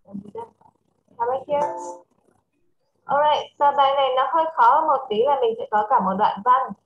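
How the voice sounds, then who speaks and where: A woman with a Vietnamese accent teaching English to a child over a video call, switching between English and Vietnamese and reading English phrases slowly. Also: high voice, muffled recording. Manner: mixes English and Vietnamese, slow careful English. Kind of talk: online English lesson for a child.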